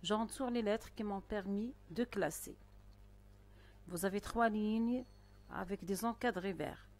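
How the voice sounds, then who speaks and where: A woman teaching a primary school spelling lesson, speaking slowly and carefully with pauses between phrases. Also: mid-range voice, a little mellow. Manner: slow, careful dictation-style delivery with pauses. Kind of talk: recorded online lesson.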